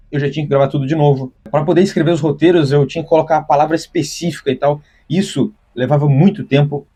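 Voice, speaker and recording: A man's voice: mid-range voice, mellow, slightly rough. A young man, talking unscripted to his channel's viewers, rambling with many restarts. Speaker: channel host. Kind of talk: unscripted casual talk to camera.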